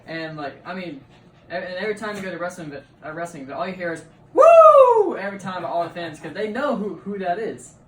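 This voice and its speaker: A young man gives a class presentation speech, halting and repeating himself as he talks. He sounds distant from the mic, and the room rings with echo. A steady hum of noise sits behind his voice. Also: high voice. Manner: halting, often repeats words and leans on "like".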